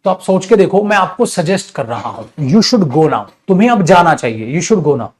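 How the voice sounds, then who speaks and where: A man's voice: on the high side, sing-song, moderate pace, darkish tone. A man teaching a spoken English lesson, explaining patiently in Hindi and addressing his students affectionately.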